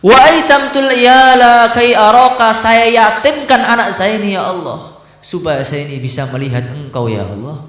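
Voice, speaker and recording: A man's voice: sits high, normal speed, echoey room, voice pushed up. A man doing a fervent old ascetic king. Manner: fervent, cries out loud in prayer and chants verse. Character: devout ascetic former king, older man.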